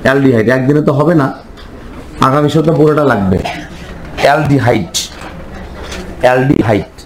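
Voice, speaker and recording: A man's voice: mid-range voice, moderate pace, poor audio. This is a man in the middle of a classroom lecture, teaching chemistry in a mid-range voice. He keeps quizzing his students, asking the same question twice before answering it. Faint background noise sits under the recording.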